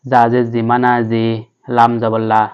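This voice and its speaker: A man patiently spells out Quran letters and vowel marks one at a time, then chants the verse slowly. His voice is smooth and resonant but stays flat in pitch. The recording sounds slightly dull and lo-fi. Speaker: Quran teacher. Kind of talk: spelling-out Quran recitation lesson.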